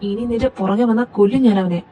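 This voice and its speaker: A woman's voice: medium pitch, quick pace. Woman performing fan audio drama dialogue. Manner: lively, teasing and quarrelsome. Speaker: voice actor reading all parts.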